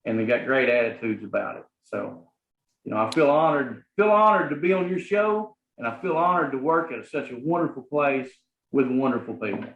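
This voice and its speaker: Guest: middle-aged man, Southern drawl, sincere and halting, lo-fi roomy audio. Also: mid-range voice, slight background noise. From Arkansas, US. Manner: earnest, rambling with many fillers. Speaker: guest, property manager. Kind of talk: casual interview talk. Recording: echoey, phone-like sound.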